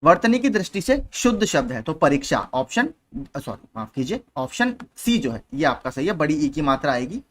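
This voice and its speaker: Young guy tutoring exam prep, talks a bit high, keeps repeating stuff and checking you got it. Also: very animated, normal speed, a bit bright. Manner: patient, repeats points, frequent "theek hai" checks. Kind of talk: explaining exam questions.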